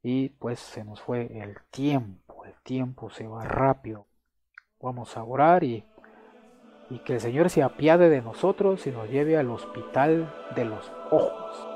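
A man preaching a sermon, slow and emphatic, repeating his phrases before he closes in prayer. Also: mid-range voice, warm tone, faint music behind. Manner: prays aloud to close.

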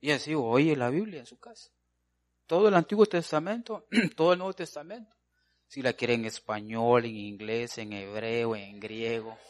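A man's voice: medium pitch, moderate pace. A man preaching a folksy sermon, calling listeners brother and answering his own questions.

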